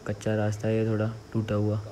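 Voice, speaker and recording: Riding a motorbike and walking a hillside trail, this young vlogger from Jammu, India, gives casual commentary that shows viewers what's around him. He speaks quickly in a lowish, dark voice with no expression at all, and the outdoor recording is noisy.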